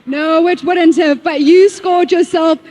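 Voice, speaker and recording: A woman's voice: very high-pitched, steady tone, unhurried, dark tone, a little hiss or hum. A woman presenting and interviewing contestants in an exclamatory, teasing way, heard on a VHS tape dub. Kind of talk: lively on-site interviewing.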